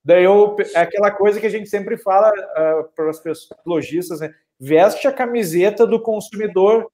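A man with a fairly high voice talks casually about online selling. He tells client stories and acts out their lines, tagging many sentences with a questioning "né". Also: moderate pace, mellow, slight background noise. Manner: storytelling with acted quotes, frequent "né". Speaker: e-commerce consultant. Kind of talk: casual chat.

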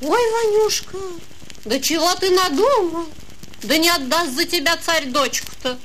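A woman's voice: very high-pitched, measured pace, fairly bright tone, a little hiss or hum. A woman playing a doting, worried old peasant mother in a fairy-tale audio drama, crooning folksy endearments. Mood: astonished, worried.

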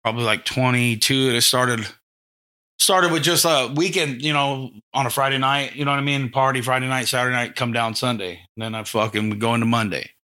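A man's voice: medium pitch, little pitch movement, quick pace, few pauses, bright, forceful tone, smooth. A middle-aged man telling stories casually, rambling and swearing heavily with lots of slang. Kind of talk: casual storytelling chat.

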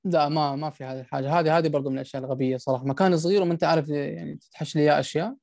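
A man's voice: a little high, fairly even intonation, rapid-fire, vocal fry, darkish tone, no room sound. A man, co-hosting a casual gaming podcast with blunt complaints. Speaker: podcast co-host.

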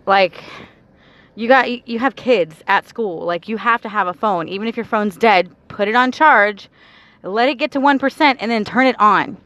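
A woman's voice: medium pitch, moderate pace, a bit bright, no echo, poor audio. A woman in her thirties chatting casually to her viewers in an exasperated, venting way, recording from a car. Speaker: vlogger. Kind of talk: casual vlog chat. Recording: car and street noise behind.

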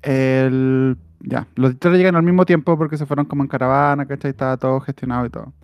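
Laughing Chilean game master. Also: male voice, mid-range voice, steady tone, a little fast, creaky, smooth, no echo, muffled recording. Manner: rambling, laughs often, restarts. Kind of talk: narrating a tabletop role-play.

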